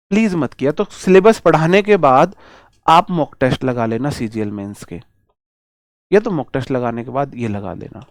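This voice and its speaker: A man teaching English grammar to exam students, drawing out each example slowly and asking the class rhetorical questions. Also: on the high side, dry recording, studio quality.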